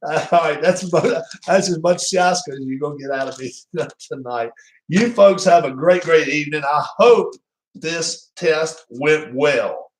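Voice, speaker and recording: A man's voice: on the high side, measured pace. A man hosting his own channel, chatting casually on a live stream in a rambling, teasing, jokey manner. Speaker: channel host. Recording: roomy echo.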